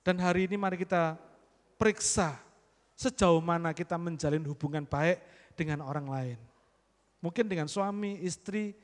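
High-voiced preaching man in a reverberant hall. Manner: emphatic, repeatedly addressing the congregation; acts out quoted lines in exaggerated tones. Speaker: pastor. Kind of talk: sermon.

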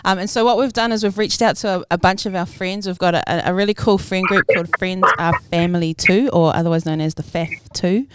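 A woman with a New Zealand accent hosting a casual podcast chat in a relaxed, friendly way, with plenty of ums. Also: on the low side, fairly quick, hardly any pauses, smooth. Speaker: podcast host.

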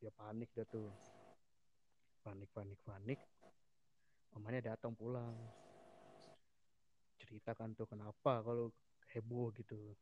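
A man's voice: fairly low pitch, flat delivery, unhurried, pauses often, slight background noise. A man telling a personal story in casual podcast chat, slangy, with many restarts and quoted lines. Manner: slangy Jakarta street talk, many restarts. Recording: dull lo-fi sound.

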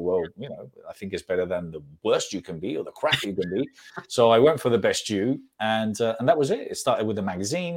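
Deep husky man, halting talk. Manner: halting, many restarts. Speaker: guest. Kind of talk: interview answers.

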